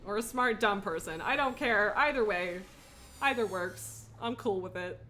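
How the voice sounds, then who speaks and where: Slight background noise accompanies a video game streamer and host who talks at normal speed in an expressive, mid-range, sharp-toned voice. Her livestream chatter is casual and informal, with her thinking aloud, jumping between thoughts and making fun of herself.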